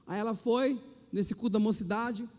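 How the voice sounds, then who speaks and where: A pastor, a man, gives his testimony in a lively preacher's manner and acts out the voices of the people he quotes. His speaking voice sits unusually high for a man. The room carries a long reverb that hangs after each phrase. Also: moderate pace. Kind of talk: testimony sermon. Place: church hall.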